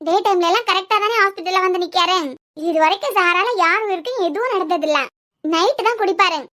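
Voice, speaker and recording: A woman's voice: extremely high pitch, brisk, sharp tone. A woman voicing a gossipy young hospital nurse in a cartoon serial, chattering with a Kanyakumari Tamil accent.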